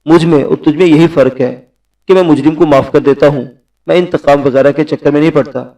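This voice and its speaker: Soft-spoken forgiving nobleman read by a man in his own voice, mellow, set back from the mic. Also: fairly high pitch, steady tone, recorded from a distance, natural voice, poor audio. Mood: calm. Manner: gentle, soothing.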